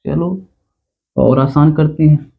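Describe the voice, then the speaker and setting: A man's voice: a little high, little pitch movement, slow, gravelly. A man teaching a basic math lesson in a chatty, teasing way, checking often that students follow. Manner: chatty, teasing, repeats "theek hai na" to check understanding. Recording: tinny phone-like sound.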